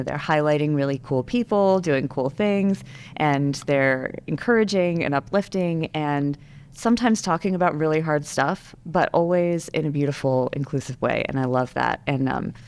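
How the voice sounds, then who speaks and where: A woman interviewing a guest, enthusiastic and talking at length in a rambling way. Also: sits low. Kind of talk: conversational interview.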